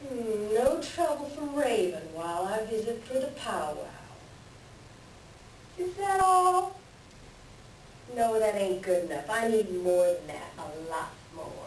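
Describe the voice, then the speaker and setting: A woman's voice: medium pitch, big pitch swings, slow. A woman playing a sly, self-serving coyote trickster with folksy, rustic speech in a readers theater animal tale. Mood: hard bargaining. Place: library readers theater performance. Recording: roomy, distant mic, faint background noise.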